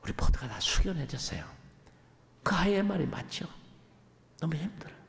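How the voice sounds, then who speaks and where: A middle-aged man preaches from the pulpit with a fairly high, lively voice that rises and falls as he tells his stories. His words echo through a church sanctuary with a long, ringing reverb. The delivery is folksy and anecdotal. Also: fairly quick, vocal fry, slight background noise. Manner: folksy, anecdotal, animated storytelling. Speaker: missionary preacher. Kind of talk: storytelling sermon.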